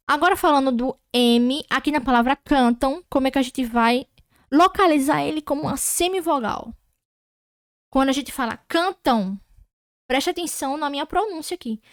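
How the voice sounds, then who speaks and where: A Brazilian woman teaching an online Portuguese grammar lesson, patiently repeating words slowly and checking that students follow. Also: sits high, no echo, clean studio sound.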